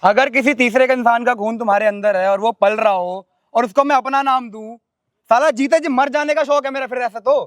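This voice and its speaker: A man's voice: very high voice, steady tone, a little fast, no room sound, studio quality. A young man playing a husband who taunts his wife with sarcastic remarks. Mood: bitter. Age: young adult.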